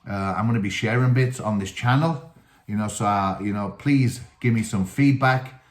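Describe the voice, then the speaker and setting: A man's voice: on the low side, moderate pace. A man with a Teesside accent from north-east England, a coach talking informally and enthusiastically to his channel's viewers, often repeating his phrases. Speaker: wrestling coach and channel host. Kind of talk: informal talk to camera for a video channel. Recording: echoey, reverberant room.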